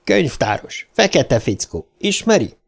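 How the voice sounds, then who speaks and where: A man's voice: on the high side, very animated, vocal fry, pitched above the performer's own voice, full character voice. A man voicing a chatty, coarse middle-aged taxi driver in an audiobook, folksy and fond of repeating a pet phrase.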